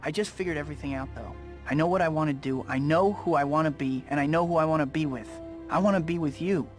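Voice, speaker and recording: Earnest, higher-voiced young Spider-Man, played by a man. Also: fast, lightly acted. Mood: hopeful, earnest. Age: young adult. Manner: earnest, self-questioning. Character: earnest young male superhero torn between two lives. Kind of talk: video game cutscene acting. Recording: game music behind the voice.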